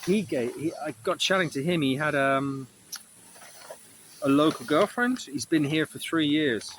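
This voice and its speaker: A man's voice: fairly high pitch, measured pace, fairly bright tone, a little hiss or hum, rough recording. A man recording a casual, rambling video diary, swearing often and correcting himself, with a mildly sore throat. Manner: meandering, self-correcting, frequent swearing. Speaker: vlogger.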